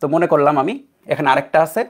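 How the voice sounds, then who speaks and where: A man's voice: a little high, fairly even intonation, very fast. Chatty young male physics tutor. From Bangladesh. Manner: conversational, checks in with students often. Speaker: physics teacher. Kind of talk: online class lecture.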